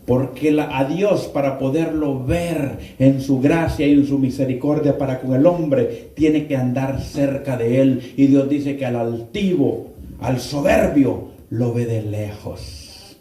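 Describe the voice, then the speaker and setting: A man preaching a sermon, firing rhetorical questions at the congregation and rising into sudden shouts. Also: mid-range voice, slow. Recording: roomy echo, mic far off.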